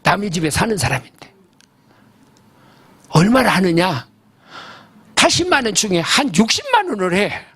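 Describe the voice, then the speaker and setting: An older male pastor preaches in a church service, telling a story in a folksy, emphatic way. His voice is high for a man and rises and falls in wide, animated swings, with a husky edge. He keeps turning to the congregation with questions. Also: normal speed, long pauses. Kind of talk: sermon storytelling.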